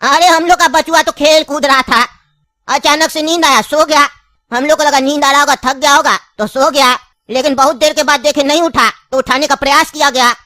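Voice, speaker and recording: A woman's voice: sits high, steady tone, normal speed, bright, forceful tone, no room sound. A woman voicing a pushy old cartoon grandfather. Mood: storytelling. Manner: pleading, pushy, long-winded storytelling. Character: scheming old grandfather, insistent and wheedling.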